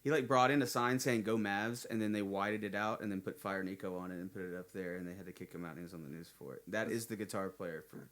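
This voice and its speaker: A man's voice: deep voice, fairly even intonation, fast, hardly any pauses, a bit bright. Laid-back man telling a rambling story. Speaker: band member. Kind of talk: casual chat.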